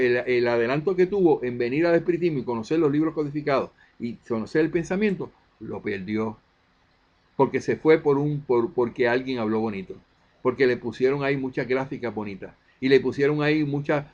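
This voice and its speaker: A man's voice: on the high side, darkish tone, highs cut off. A man giving an impassioned monologue as a spiritist video presenter, emphatic, posing rhetorical questions and answering them himself.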